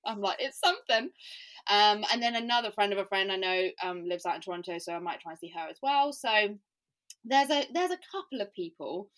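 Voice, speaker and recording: A woman's voice: medium pitch, lively intonation, a little fast, fairly bright tone. A chatty woman from England, in her thirties. She talks at an easy conversational clip, scattering "like" through her sentences and laughing at herself. Her voice sits mid-range, a podcast guest telling her story. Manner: chatty, self-deprecating, laughs often, lots of "like".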